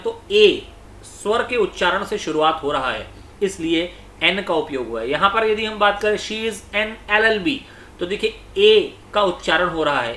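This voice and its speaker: A male teacher giving an exam-prep lecture. He explains slowly, repeats himself, and reads example sentences aloud. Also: sits high, fairly bright tone, echoey room, a little hiss or hum.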